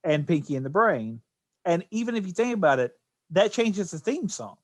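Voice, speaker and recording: High-pitched and sing-song, this American podcast host talks at a moderate pace in loose, casual conversation. He tends to ramble and double back over his own phrases, with no room sound audible.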